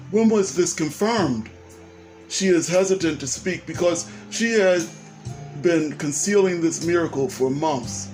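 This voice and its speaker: A man's voice: a little high, darkish tone. A man narrating a story aloud, speaking straight to the listener and posing questions. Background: faint guitar music.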